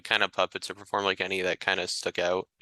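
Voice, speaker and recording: A man's voice: deep voice, completely flat delivery, fast, bright, forceful tone, dry recording, rough recording. A man co-hosting a podcast, reading the guest introduction and asking friendly questions in casual chat. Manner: friendly, reads guest intro, short affirmations. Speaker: podcast co-host. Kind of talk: casual interview.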